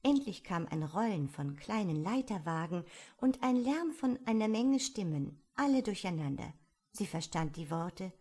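A woman narrating an audiobook in a calm, even storytelling manner. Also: on the low side, moderate pace.

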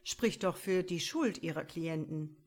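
A woman voicing a composed male prosecutor who talks in a measured, formal and faintly mocking way. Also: on the low side, darkish tone. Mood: firm.

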